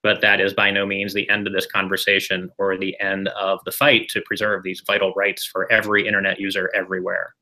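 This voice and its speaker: A man's voice: sits low, monotone, fairly quick, few pauses, pushed and bright, low-quality recording. A man on a panel speaking with assured, fluent advocacy. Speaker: panelist, policy expert. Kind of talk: panel discussion.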